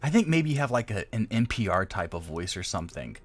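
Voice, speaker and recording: A man's voice: on the low side, sing-song, a little fast, soft background music. A man streaming himself modding a game, casually thinking aloud as he works, muttering little sound effects and poking fun at his own mistakes. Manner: rambling and self-deprecating. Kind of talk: casual live-stream commentary.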